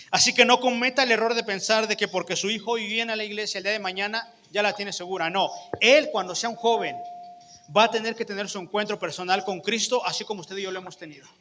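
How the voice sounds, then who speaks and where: A man's voice: high-pitched, sharp tone. A man preaching a sermon with a Mexican accent, conversational, often putting questions to the congregation, with long church hall reverb. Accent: Mexican Spanish.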